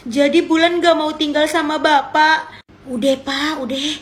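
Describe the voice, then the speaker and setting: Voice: high voice, fairly even intonation, a little slow, fairly bright tone, slight background noise. A performer voicing a father in a comedic skit who lectures one child for being unkind to her sibling. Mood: reproachful. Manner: lecturing, reproachful. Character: stern, preachy father defending one child.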